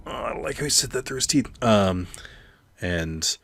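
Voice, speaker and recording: Deep-voiced man doing sardonic game commentary. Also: lively intonation, normal speed, gravelly, a bit bright, no room sound. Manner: sweary, opinionated, sardonic. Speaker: video game streamer. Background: game music.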